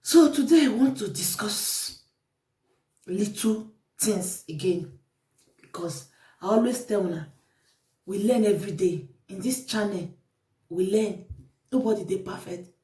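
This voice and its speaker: A woman's voice: medium pitch, animated, measured pace, long pauses, mellow. A woman with a Nigerian Pidgin accent giving repetitive, exhorting life advice straight to her viewers. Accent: Nigerian Pidgin English. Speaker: vlogger. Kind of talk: casual advice monologue to viewers. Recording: echoey room, mic at a distance.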